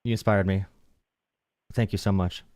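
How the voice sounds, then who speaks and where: A male host of a live call-in show, teasing and talking over a caller in a rapid, mocking way. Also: sits low, steady tone, a little mellow, no room sound, clean studio sound. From Pennsylvania.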